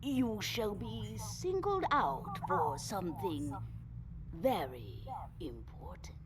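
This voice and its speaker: A woman's voice: medium pitch, animated, takes it slowly. A woman playing an old fortune teller in a video game, cryptic and theatrical, drawing out her phrases. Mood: ominous, knowing. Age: older. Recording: loud noisy ambience under the voice.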